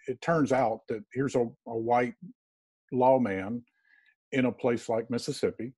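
Middle-aged guy on a video call w/ earbuds, low mellow husky voice, lots of ums, thinks as he talks. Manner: thoughtful, halting, many ums and restarts. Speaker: crime fiction author, guest. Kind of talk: casual interview conversation. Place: small room at home, plain wall. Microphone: earbud headset on a video call.

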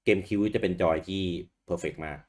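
A man co-hosting a podcast, chatting casually about old video games with a relaxed manner and easy swearing. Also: low-pitched, unhurried. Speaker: podcast co-host.

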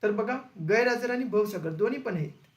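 A male teacher taking students through an exam-prep grammar lesson. He asks questions and then repeats the answers slowly. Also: high voice. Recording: echoey room.

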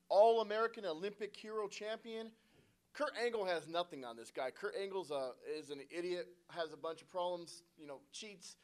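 High-voiced man hosting a wrestling promo. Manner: hyping announcer, admiring superlatives. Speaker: interviewer. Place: plain carpeted indoor function room. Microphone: handheld microphone.

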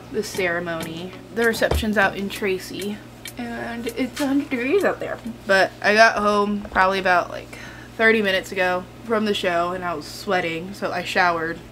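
A young woman talking casually to the camera at home about her day while getting ready. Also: mid-range voice. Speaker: vlogger. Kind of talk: casual vlog talk to camera.

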